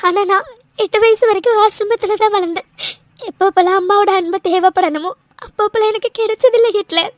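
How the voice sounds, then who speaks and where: In a dry, studio-quality recording, a young female voice actor performs an audio drama role at a moderate pace with an extremely high pitch. She plays a tearful young wife raised in an orphanage, hesitant and stammering, her voice choked with tears.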